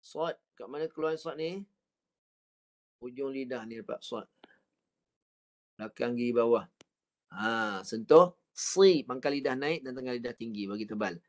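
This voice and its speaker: A man with a Malaysian Malay accent teaching an online Quran reading lesson, patiently drilling letter sounds and stretching out Arabic words as he demonstrates them. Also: medium pitch. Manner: slow, patient drilling with counting and model recitation.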